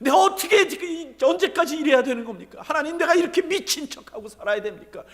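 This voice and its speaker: A man acting out an anguished biblical king, pleading and shouting close to tears. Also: extremely high pitch, expressive, fairly quick, in a large hall, pitched above the performer's own voice. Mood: desperate.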